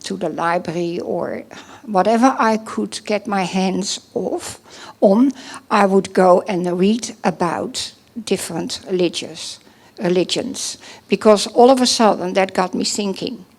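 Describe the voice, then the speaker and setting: At a church service, a middle-aged woman from the Netherlands shares her personal testimony in a Dutch accent. Her medium-pitched voice has vocal fry and a slightly mellow quality, and her delivery is halting with frequent pauses and restarts.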